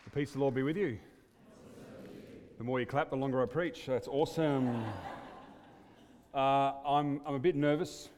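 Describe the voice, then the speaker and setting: A man's voice: medium pitch, moderate pace, pauses often, darkish tone, a faint crowd. A man preaching at a church service, chatty and hesitant with many fillers, his voice ringing with a long church reverb like a cathedral. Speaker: guest preacher. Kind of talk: sermon with storytelling.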